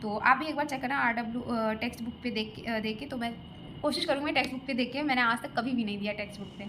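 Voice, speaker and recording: A young woman from Lucknow, India, casually vlogs while responding to viewer comments about her exam preparation. Her fairly high voice moves quickly and chattily, but hesitantly, full of fillers and restarts, with noticeable background noise.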